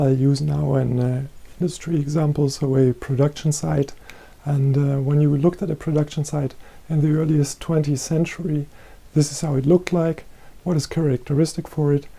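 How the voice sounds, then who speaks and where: Man, middle-aged, presentation lecture, explanatory, slightly higher voice, gravelly. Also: dark tone. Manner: explanatory, repeats himself. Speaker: chair holder presenting research. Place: green-screen studio.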